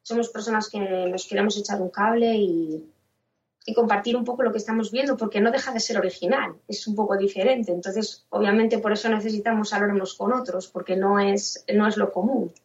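A woman's voice: mid-range voice, steady tone, fairly quick. A woman from Spain, guest on a podcast, talking casually and thinking aloud with restarts. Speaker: podcast guest, parent and author. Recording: roomy, distant, dull remote line.

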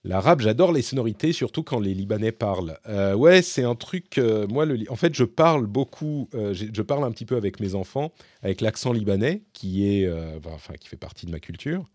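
A middle-aged man talks through listener questions in a loose, unscripted way, often stopping to rephrase. His voice sits low and sounds warm and relaxed. The recording is dry and close, with no room sound. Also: fairly quick, no room sound. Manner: hesitant, thinks aloud, self-correcting. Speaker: podcast host answering listener questions. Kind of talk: casual Q&A monologue.

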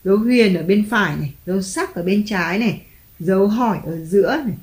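A mother patiently teaching her child letters and tone marks at home, slowly drawing out the spelling and praising often. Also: medium pitch, darkish tone. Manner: patient, encouraging, drawn-out spelling. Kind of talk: home reading lesson for a child. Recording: echoey room, faint background music.

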